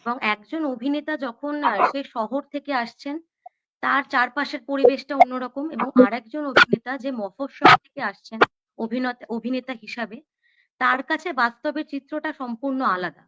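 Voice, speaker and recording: A woman's voice: high voice, steady tone, moderate pace. A woman interviewer asking an actor questions, hesitant and searching for words. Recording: muffled recording with clear background noise.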